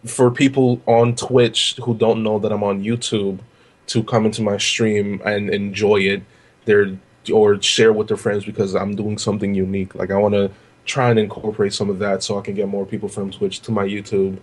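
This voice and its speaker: A man's voice: fairly low pitch, little pitch movement, normal speed. A young man hosting a casual podcast chat, rambling with lots of restarts and fillers. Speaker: podcast host.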